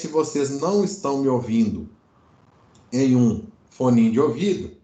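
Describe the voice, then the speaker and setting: A Brazilian electronics teacher with a dark-toned, mid-range voice gives an informal online lecture, explaining concepts and frequently checking in with short tags. The class audio sounds roomy and echoing.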